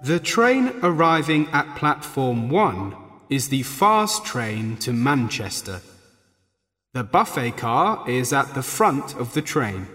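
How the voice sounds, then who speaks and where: A man delivers a train station announcement in a mid-pitched voice that rises and falls with plenty of movement. He takes his time over every word. A long reverb trails behind him, as in a large station hall. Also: very animated, a bit bright. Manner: slow, clear public-address delivery. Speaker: announcer in a listening exercise.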